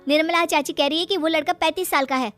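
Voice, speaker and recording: A high-pitched young schoolteacher daughter, voiced by a woman in a cartoon family drama. She is indignant and defensive, protesting every remark, with music behind her. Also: fairly even intonation, fast talker, a bit bright, no echo. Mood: hurt, protesting. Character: defensive unmarried schoolteacher daughter nearing thirty. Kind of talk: Hindi cartoon story acting.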